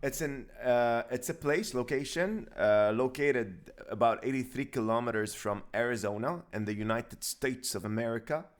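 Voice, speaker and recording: A man's voice: mid-range voice, moderate pace, hardly any pauses. A young man from Lebanon, co-hosting a podcast in casual comedic chat, rambling and joking as he explains. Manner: rambling, jokey, slips into a put-on accent. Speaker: podcast co-host.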